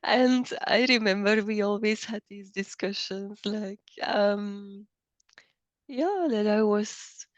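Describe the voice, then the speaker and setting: Slow, thoughtful middle-aged woman guest. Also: mid-range voice, no room sound, highs cut off. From Belgium. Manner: thoughtful, hesitant with many ums and restarts. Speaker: guest, coach. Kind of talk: interview conversation.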